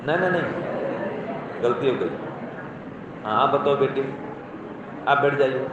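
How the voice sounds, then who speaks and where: A man's voice: medium pitch, animated, takes it slowly, background noise. A man giving a moral talk to school students, teacherly and repetitive, quizzing and praising them as he goes. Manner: teacherly, questions and praises students, repeats points. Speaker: speaker addressing school students. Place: school hall or classroom. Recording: very echoey, distant, muffled room recording.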